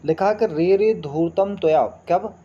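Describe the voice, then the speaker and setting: Reading Sanskrit verses slowly, a male teacher breaks each one down word by word, posing rhetorical questions along the way. He has a high voice, and the recording has its highs cut off, with slight background noise.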